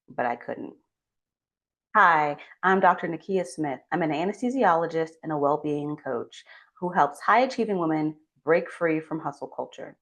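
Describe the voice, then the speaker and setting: A woman giving a scripted motivational talk as a well-being coach, speaking earnestly and supportively straight to the listener. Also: deep voice. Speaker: well-being coach and doctor hosting a channel.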